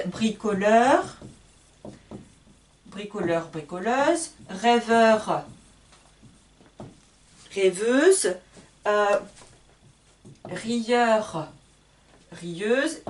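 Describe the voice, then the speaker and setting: Slow, careful woman teaching from a distance. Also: fairly high pitch. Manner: slow, spells out letters and repeats word pairs. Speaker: French teacher. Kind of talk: grammar lesson.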